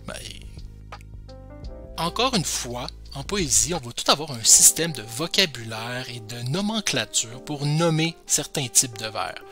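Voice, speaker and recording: A man's voice: medium pitch, lively intonation, measured pace, sharp tone, soft background music. A man teaching poetry basics in a chatty, self-deprecating, joking way. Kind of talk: casual explanatory lesson.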